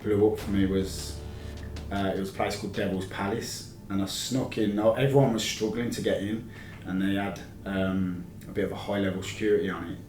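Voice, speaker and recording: An English man in his thirties tells anecdotes in casual interview chat, rambling and matey. His voice sits a little low. The sound is roomy and a bit off the mic, with clear music behind. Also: fairly even intonation, brisk, a little mellow, far from the mic. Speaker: podcast guest, live-streamer.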